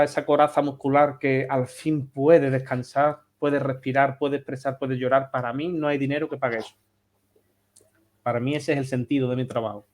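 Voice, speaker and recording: A man's voice: medium pitch, darkish tone. A man from Spain with a Spanish accent, a therapist speaking passionately and emphatically as a guest on a remote interview. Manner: passionate, emphatic, repeats phrases.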